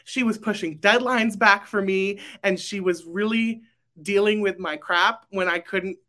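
A woman's voice: medium pitch, measured pace, fairly bright tone. Emotional young woman, rambling thanks. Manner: emotional, rambling with fillers and restarts. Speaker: graduating student council member. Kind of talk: casual podcast chat.

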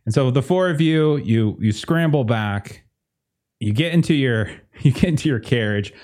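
A man's voice: mid-range voice, animated, normal speed, a little mellow. A man narrating as game master, easygoing and rambling, with many fillers and restarts.

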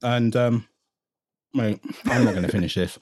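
A man's voice: mid-range voice, moderate pace, a little mellow, dry recording, clean studio sound. A man co-hosting a podcast, talking casually and chewing pizza while he speaks, sometimes swearing. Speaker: podcast co-host. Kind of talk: casual chat.

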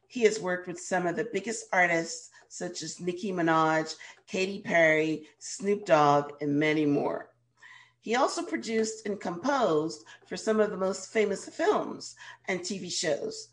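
A woman from Guyana, hoarse with a cold, speaking as a radio show host and life coach in an interview. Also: lowish voice, measured pace. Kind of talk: interview hosting.

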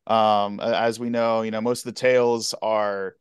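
A man in his twenties, guest in a casual interview, talking in an easygoing, halting way. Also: lowish voice, level tone, clear, resonant tone, no room sound, studio quality. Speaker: guest Twitch streamer and cosplayer.

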